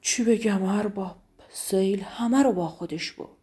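A woman voicing a panicked male shepherd who cries out urgently in a high, strained voice, in a told bedtime story. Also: dark tone, husky, lightly acted. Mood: dejected.

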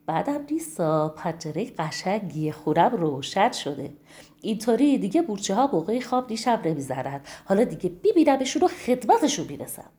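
A woman voicing a small male mouse in a children's story, talking loudly and indignantly. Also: mid-range voice, very animated, natural voice. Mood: pleased. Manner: loud indignant shouting. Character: grumpy then cheerful male mouse.

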